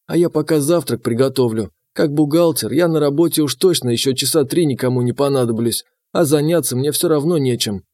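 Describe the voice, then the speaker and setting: A man's voice: mid-range voice, brisk, few pauses, darkish tone, dry recording, clean studio sound, natural voice. A man voicing a practical village woman, an accountant, in a matter-of-fact tone. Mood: easygoing.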